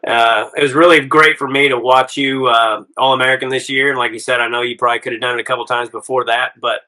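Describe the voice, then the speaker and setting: A man's voice: medium pitch, steady tone, fast talker, bright, forceful tone, poor audio. A middle-aged man hosting a casual interview podcast, friendly and rambling, with lots of "uh" and "man". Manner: friendly, rambling with many fillers. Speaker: podcast host.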